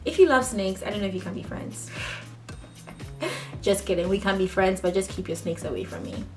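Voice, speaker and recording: A young woman raised in Ghana talks casually to a camera on her table, answering tag questions. She speaks straight to her viewers with laughing asides and a relaxed, friendly ease. Faint music plays behind her. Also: mid-range voice, normal speed. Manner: chatty, laughing asides, addresses viewers as guys. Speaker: vlogger.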